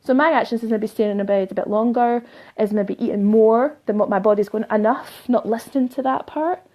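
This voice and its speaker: A woman's voice: fairly high pitch, a little fast, warm tone. A woman life coach giving a live motivational talk to viewers, emphatic and fond of repeating phrases for effect.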